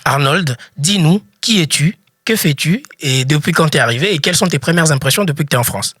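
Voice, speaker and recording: Bright-voiced man co-hosting a student radio show. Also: a little high, lively intonation, fairly quick, slightly rough, dry recording, clean studio sound. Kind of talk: casual radio interview.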